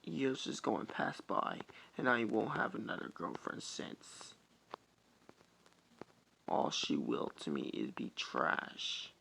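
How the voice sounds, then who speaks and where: Man doing a bitter, hushed young man. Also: big pitch swings, slow pace, creaky, a little hiss or hum, exaggerated voice, poor audio. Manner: low, hushed, half-whispered. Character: bitter, armed young man, hard and cold.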